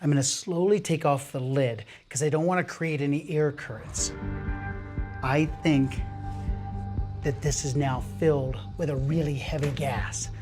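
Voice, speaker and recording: A science show host talks a little slowly in a mid-range voice while doing a live demo over background music. Full of enthusiasm, he coaxes his helper and fires off lots of questions, many of them rhetorical.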